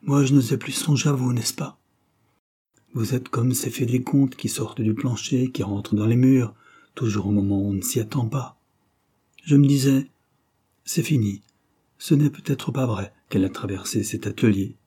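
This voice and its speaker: A man voicing an eager, excitable young male painter who talks effusively in an audiobook. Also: mid-range voice, normal speed, breathy edge, lightly acted. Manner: effusive, exclamatory. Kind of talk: audiobook character reading.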